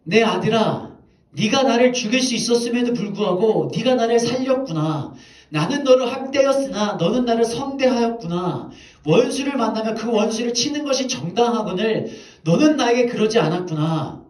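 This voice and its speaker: A man's voice: very high-pitched, animated, moderate pace, darkish tone, echoey room, voice pushed up. A man voicing an old king who wails and begs for his family's lives, in a sermon. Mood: wailing plea. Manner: tearful, wailing pleas.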